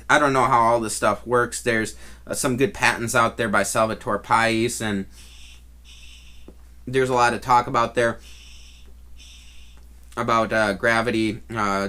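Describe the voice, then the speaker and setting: Male vlogger, mid-pitched, casual and unscripted storyteller with a halting, meandering delivery. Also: pushed and bright. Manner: rambling and halting, with trailing restarts. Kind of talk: casual first-person storytelling.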